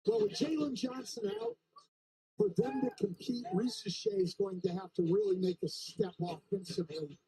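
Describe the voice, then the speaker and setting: Male color analyst, high and raspy, lively pitch, breaks down basketball tactics on air. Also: moderate pace, rough recording.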